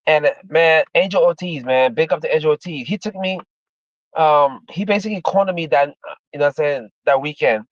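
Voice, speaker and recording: On his livestream, a Miami, Florida, USA man in his fifties and one-time MMA fighter talks to his audience in a rambling, repetitive, casual way, filled with "man" and "you know." His voice is a little high and fairly quick, captured as lo-fi sound with no room sound.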